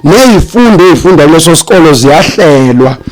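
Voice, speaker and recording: A man's voice: on the high side, big pitch swings, brisk, poor audio. A man with a South African accent and native Zulu, giving a sermon as guest preacher with repetitive, listing phrasing.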